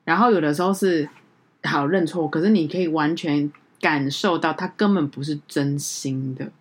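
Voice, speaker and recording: A woman co-hosting a podcast in casual chat, telling a story in an animated way and acting out what others said. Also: low voice, normal speed, slightly rough. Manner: animated storyteller, acts out quoted people. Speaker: podcast co-host.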